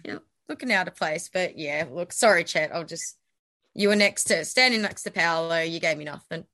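A woman's voice: fairly low pitch, moderate pace, sharp tone. A woman on a sports podcast panel, teasing and playful in casual chat.

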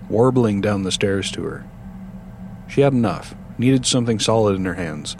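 Low-voiced man narrating a horror story. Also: a little hiss or hum. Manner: steady, measured storytelling.

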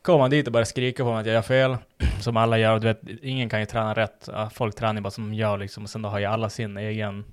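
A man's voice: fairly low pitch, little pitch movement, hardly any pauses, smooth. A young man chatting casually on a podcast, telling a gym story with lots of swearing and acted-out quotes.

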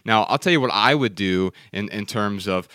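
A man's voice: lowish voice, normal speed, bright, forceful tone, dry recording. Sex: man. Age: 30s. Role: podcast co-host. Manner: emphatic, lecturing. Sound: dry, close mic. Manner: emphatic and lecturing, with repeated words. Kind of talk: casual podcast talk.

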